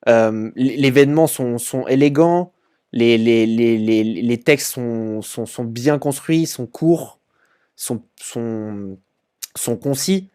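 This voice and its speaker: A man's voice: medium pitch, takes it slowly, warm tone, clean tone. A young man hosting a casual online business video, talking through a website with lots of fillers and repeated words. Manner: informal and chatty, many fillers and repeated words. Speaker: e-commerce channel host. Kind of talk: casual screen-share commentary.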